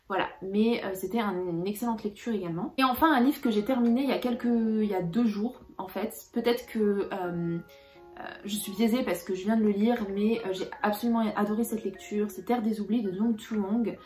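Young woman rambling about her fave reads, lots of ums, kinda echoey room, soft music behind. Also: medium pitch, fairly quick. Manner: hesitant, many filler sounds and restarts. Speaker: book vlogger. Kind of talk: casual book review.

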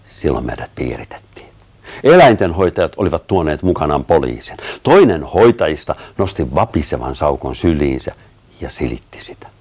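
A man narrating a children's story aloud in an expressive storytelling manner. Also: extremely low pitch, breathy edge. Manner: expressive storytelling with lively voiced dialogue.

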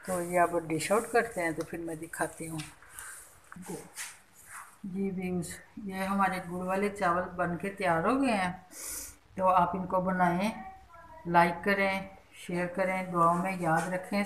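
A woman's voice: fairly low pitch, slight background noise. A middle-aged woman hosting a home cooking demonstration from her kitchen, explaining each step in a homely way and adding blessings. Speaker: cooking channel host. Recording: echoey kitchen, faint clatter. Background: clinking pots and utensils.

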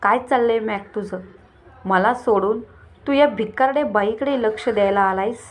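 A woman voicing a haughty young woman who shouts insults at a rival in a read-aloud story. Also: fairly high pitch, normal speed, slight background noise, lightly acted. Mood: scornful. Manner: shouting, contemptuous.

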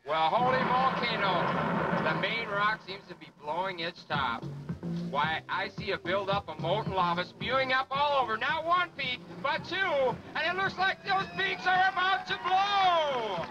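A man's voice: extremely high pitch, lively intonation, measured pace, highs cut off, over loud music. A man announcing a live water ski show outdoors, with florid, hammy pirate-flavored patter.

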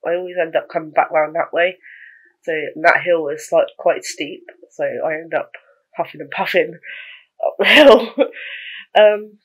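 A woman's voice: lowish voice, unhurried, slightly rough, poor audio. A young woman vlogging in a casual, rambling way, chatting to the camera about her day with small laughs.

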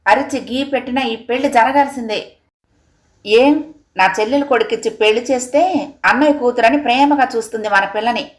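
A woman's voice: fairly high pitch, moderate pace, voice pushed up, lightly acted. A woman voicing a domineering middle-aged village father in an audiobook story, threatening and laying down the law. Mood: angry. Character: stern old-fashioned village father, middle-aged man. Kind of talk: audiobook character reading.

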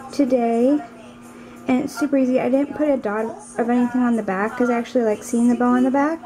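A woman's voice: on the high side, mellow, rough recording. A young woman vlogging from home, chatting casually about her shopping hauls and planner decorations, full of "like" and fillers. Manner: chatty, gushing, filler-heavy with "like". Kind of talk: casual show-and-tell vlog. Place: at home indoors.

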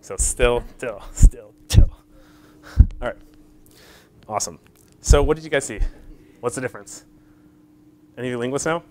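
A man's voice: medium pitch, fairly quick, long pauses, a little mellow. Man, conference lecturer, step-by-step explanations, frequent fillers, audience questions, faint hum behind. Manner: explains step by step, checks in with "right?" and "okay?". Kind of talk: academic conference talk.

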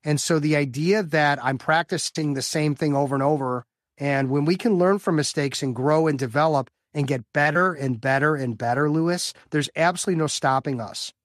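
Guesting on an interview, a fifties-aged business development coach for lawyers from the Chicago area in the US Midwest speaks with upbeat enthusiasm, repeating words to build his points. His voice is on the high side and fairly quick, with clean studio sound and no room noise.

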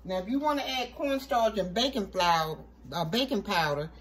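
A woman hosting a cooking show, walking through a recipe step by step in a relaxed, chatty way. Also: mid-range voice, normal speed, poor audio. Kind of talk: casual cooking demonstration.

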